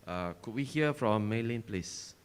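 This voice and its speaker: A man's voice: lowish voice, lively intonation, a little slow, smooth. A man moderating an online panel, hesitant and full of fillers as he introduces speakers.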